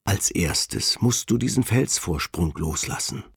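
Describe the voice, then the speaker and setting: A man voicing the Lord as a calm, patient divine figure answering a prayer. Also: lowish voice, a little slow, gravelly, breathy edge, no room sound, studio quality, exaggerated voice.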